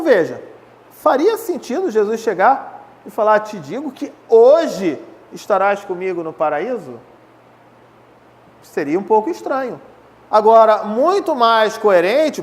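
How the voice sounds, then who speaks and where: A man's voice: high-pitched, long reverb tail. A Brazilian man giving a spiritist lecture on the Bible, talking conversationally and asking his audience rhetorical questions. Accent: Brazilian Portuguese. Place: lecture hall of a charitable spiritist center.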